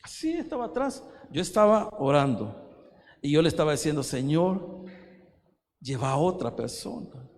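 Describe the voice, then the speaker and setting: A man's voice: on the high side, sing-song, moderate pace, darkish tone. A man preaching a sermon as pastor, emotional and repetitive, often calling the congregation "brother". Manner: emotional, repeats phrases, calls listeners brother. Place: church sanctuary. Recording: long church reverb.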